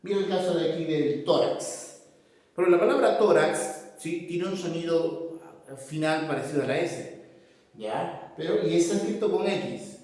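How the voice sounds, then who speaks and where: In an echoey room, far from the microphone, a male teacher works through a grammar lesson one step at a time and regularly checks on his students. His voice is a little high with a darkish tone, and he's unhurried.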